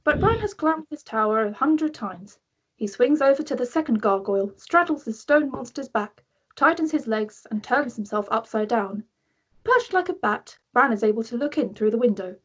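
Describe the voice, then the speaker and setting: A woman with a breathy, husky, slightly high voice delivers screenplay directions at a table read, storytelling from the script at a moderate pace with lively intonation.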